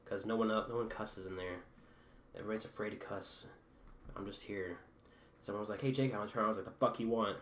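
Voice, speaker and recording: The voice is lowish and fairly even in intonation, a little fast, with frequent pauses, belonging to a teenage boy hosting a podcast. He chats casually, rambling through profane stories and laughing at his own jokes, in an echoey room with a faint hum.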